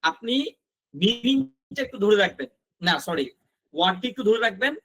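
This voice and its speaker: High-voiced man teaching vocabulary drills. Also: expressive, a bit bright. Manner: repeats words slowly for drilling; addresses students directly with questions. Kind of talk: recorded vocabulary lesson.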